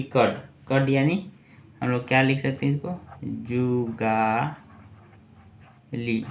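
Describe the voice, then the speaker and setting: A man teaching English words to Hindi speakers, spelling each word out letter by letter and repeating it, often checking in with "theek hai". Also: mid-range voice. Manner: keeps checking in with "ठीक है". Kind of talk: spelling and vocabulary lesson.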